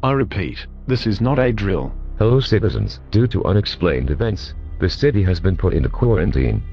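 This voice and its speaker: A man voicing an adult male emergency broadcast announcer over a muffled emergency loudspeaker, formal and measured. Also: low-pitched, big pitch swings, faint music behind. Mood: stern.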